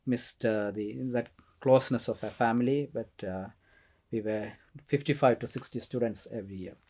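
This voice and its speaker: A man's voice: medium pitch, moderate pace. A middle-aged priest from Kerala, India, with an Indian accent and Malayalam as his first language, talking casually and hesitantly as a podcast guest. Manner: soft-spoken, hesitant with many fillers, laughs often. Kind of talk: casual interview conversation.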